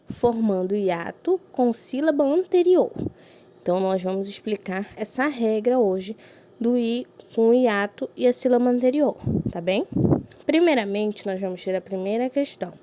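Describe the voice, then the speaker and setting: Woman teacher, patient step-by-step explainer, lively pitch, recorded class lesson. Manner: patient, explains step by step with frequent check-ins. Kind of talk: recorded remote school lesson.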